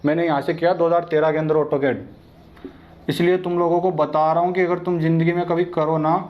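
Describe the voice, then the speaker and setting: A man's voice: fairly high pitch, level tone, a little fast. A young man teaching an online exam-prep lesson in a casual, chatty way, talking straight to his viewers. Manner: chatty, addresses viewers directly and familiarly. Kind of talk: casual informal lecture. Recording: dull lo-fi sound.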